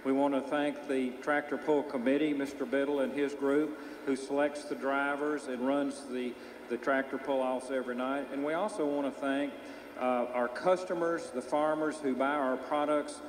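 A middle-aged man giving measured, businesslike remarks as a sponsor's representative being interviewed. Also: medium pitch, steady tone. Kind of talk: public thank-you remarks in an interview. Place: large indoor arena. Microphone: handheld microphone held out to him. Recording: echoey arena PA, faint noise.

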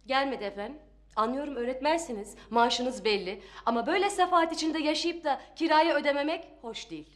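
A woman playing a shrill, theatrical sitcom landlady. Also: brisk, close to an everyday voice. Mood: haughty. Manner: theatrical, haughty, melodramatic. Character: fussy dramatic landlady, married woman. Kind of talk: sitcom acting.

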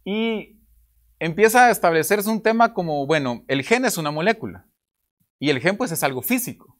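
A young Guatemalan man with a Guatemalan Spanish accent presents on an academic conference panel, speaking into a table microphone in a conference room with projector slides. His voice sits high and sounds fairly bright, expressive, and moderately paced. He explains his points and poses rhetorical questions.

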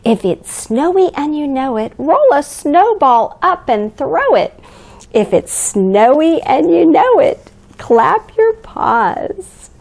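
A woman's voice: sits high, big pitch swings, takes it slowly, gravelly, a little mellow, heavily acted. A woman playing a cheerful, grandmotherly Mrs. Claus, reading a picture book aloud to young children in an exaggerated, sing-song way. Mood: playful, lively. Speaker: children's storyteller. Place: living room by a fireplace, indoors.

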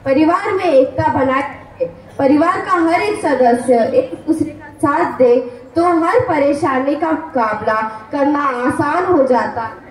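A woman's voice: high-pitched, slight background noise. A woman giving an earnest, formal moral speech to an audience at a school function. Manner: slow, earnest, formal delivery. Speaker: speaker at a school event. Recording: echoey hall recording.

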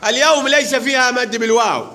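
A man's voice: very high voice, bright, forceful tone, a little hiss or hum. A male teacher running a word game in a classroom, calling pupils up by turn and urging them to hurry. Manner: brisk, directive, urging pupils on. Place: classroom, large room.

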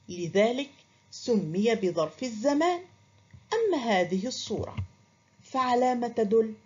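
A woman's voice: on the high side, darkish tone, lo-fi sound. A woman teaching a primary school grammar lesson, asking pupils questions and praising their imagined answers. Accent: Qatari. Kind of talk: recorded classroom lesson.

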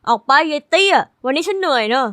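A brash, oversized teen boy bully, put on by a woman drawls smug taunts in a high, bright voice. The sound is close and dry, like a storybook cartoon read in a small booth. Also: expressive, fast, no echo. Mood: smug taunting.

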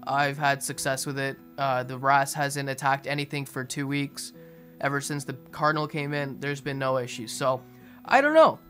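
A young man giving a casual aquarium update voice-over in a monotone, restrained way. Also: medium pitch, moderate pace. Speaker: fishkeeping video host. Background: music behind the voice.

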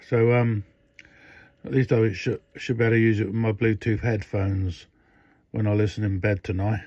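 An older man demonstrates a radio modification in a relaxed, hands-on way at an indoor workbench, rambling with frequent fillers and restarts. His voice is lowish with a darkish tone. The recording is dull, dry lo-fi phone audio with no room sound.

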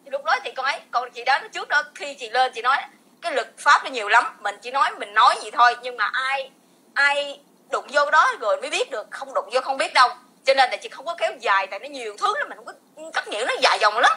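A woman in her forties with a Southern Vietnamese accent vlogs in a heated, rambling, repetitive rant punctuated by bursts of laughter. Her voice is high-pitched, animated and fast, pushed and bright with a husky edge.

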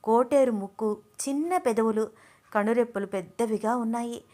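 A woman reads a scripted story aloud with expressive, measured pacing. Her voice sits somewhat high. She speaks as the host of her own story channel.

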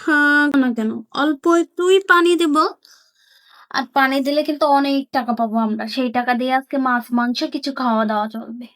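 A woman voicing a poor village mother who hushes and justifies herself in a doll story. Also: high voice, steady tone, brisk.

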